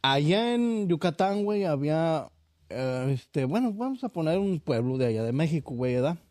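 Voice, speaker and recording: A man with a Mexican Spanish accent tells a crude joke among friends, rambling and laughing as he goes. His fairly high voice swoops widely in pitch. The sound is dry and close, with no room echo. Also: very animated, normal speed, a little mellow. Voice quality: slangy, rambling, laughing storyteller. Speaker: joke teller. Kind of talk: crude casual chat.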